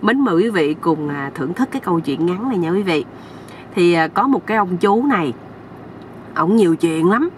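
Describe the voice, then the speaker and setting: A woman's voice: fairly low pitch, animated, moderate pace, recorded from a distance, slight background noise. A woman with a Southern Vietnamese accent hosting her channel, telling a folksy comic story to viewers. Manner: chatty, folksy, addressing viewers.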